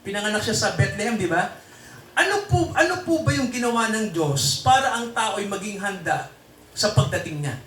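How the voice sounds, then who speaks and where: A man's voice: high-pitched, animated, moderate pace, a bit bright, far from the mic, slight background noise. A man preaching a sermon in a church hall and quizzing the congregation with repeated tag questions, then leading them in prayer. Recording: echoey room, voice from off-mic, faint ambience.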